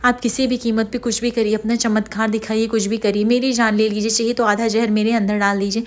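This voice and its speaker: A woman's voice: fairly high pitch, level tone, fairly quick, close to an everyday voice. A woman voicing a young wife who pleads for her husband's life, in her own plain voice. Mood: pleading. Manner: pleading, read out in the narrator's own voice.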